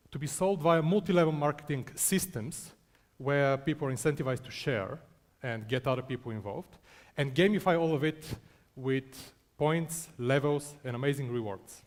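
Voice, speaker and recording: Self-mocking founder on stage. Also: male voice, a little high, normal speed. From Bulgaria. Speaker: startup founder presenting. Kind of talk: conference talk.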